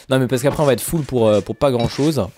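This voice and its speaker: A young man chatting casually to viewers while playing a survival game, animated, with high exclamations and drawn-out words. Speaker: gaming video host. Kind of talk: casual Minecraft let's play commentary.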